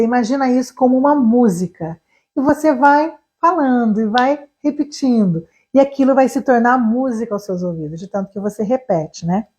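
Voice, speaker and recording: A Brazilian woman teaching English online, fast, animated and emphatic, speaking straight to her viewers. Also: fairly high pitch. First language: Portuguese.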